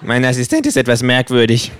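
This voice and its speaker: Ein Mann, der ein freches, zynisches männliches Känguru spricht, sarkastisch und provokant. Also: male voice, huge pitch swings, brisk, a little hiss or hum. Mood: sarcastic. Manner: sarcastic, provocative, shrill high voice. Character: brash, cynical male kangaroo.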